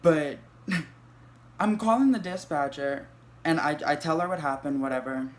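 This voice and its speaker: A young man, telling a storytime vlog in an animated, profane way full of fillers. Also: fairly high pitch, unhurried, slight background noise. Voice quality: light voice. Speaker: vlogger.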